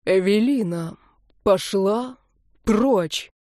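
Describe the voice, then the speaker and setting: A woman's voice: mid-range voice, drawn-out words, darkish tone, no room sound, studio quality. A woman voicing an angry older grandfather who commands sternly through clenched teeth. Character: furious protective grandfather, older man.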